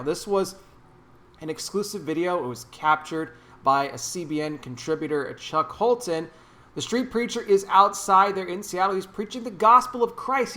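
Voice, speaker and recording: A man's voice: on the high side, pushed and bright. A man giving opinionated vlog commentary in an emphatic, indignant, preachy way, repeating phrases for emphasis. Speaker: YouTube commentator.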